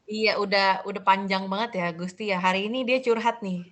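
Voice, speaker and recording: A woman's voice: medium pitch, fairly even intonation, moderate pace, fairly bright tone. A young woman in a casual group chat with classmates, friendly and a little hesitant. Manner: friendly, hesitant, laughs often. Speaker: student in group discussion.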